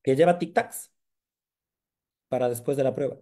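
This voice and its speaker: Lively sales trainer. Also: male voice, medium pitch, normal speed. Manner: lively, jokes and quizzes the audience. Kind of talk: live sales training demonstration.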